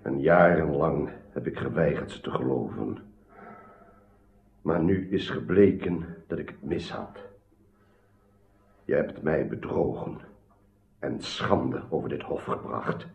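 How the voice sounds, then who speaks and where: A man's voice: a bass voice, expressive, slow pace, creaky, long pauses, heavily acted. An actor playing a grave, betrayed old king in a radio drama, solemn and wounded. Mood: wounded, solemn anger. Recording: slightly dull, roomy radio recording.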